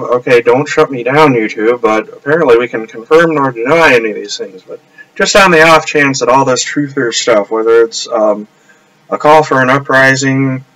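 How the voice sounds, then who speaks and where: A man's voice: medium pitch, fairly bright tone, low-quality recording. Rambling man live streaming from home. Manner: rambling, restarts often, laughs to himself. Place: upstairs apartment in a house.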